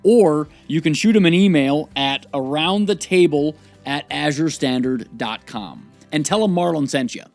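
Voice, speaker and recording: A man hosting a podcast interview, talking in an earnest, relaxed way and also reading a sponsor spot. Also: fairly high pitch, normal speed, over music. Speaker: podcast host. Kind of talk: conversational interview with a sponsor read.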